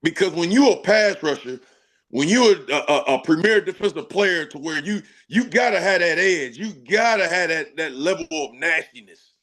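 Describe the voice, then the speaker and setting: A man's voice: sits high, lively intonation, moderate pace, a bit bright. A man guesting on a sports talk show, a former football player speaking in emphatic, slangy casual chat with laughing asides.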